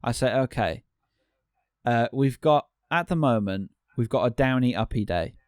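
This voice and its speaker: A man's voice: medium pitch, expressive, moderate pace, no room sound, studio quality. A man, a podcast guest, talking in casual chat with many restarts and fillers.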